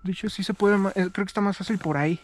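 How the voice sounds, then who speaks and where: A woman's voice: medium pitch, very fast. Nervous Mexican woman, noisy outdoor recording. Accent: Mexican Spanish. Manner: nervous, slangy, exclaiming. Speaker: night exploration vlogger. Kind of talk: casual outdoor vlog chat with a companion. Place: outdoors in rough woodland at night.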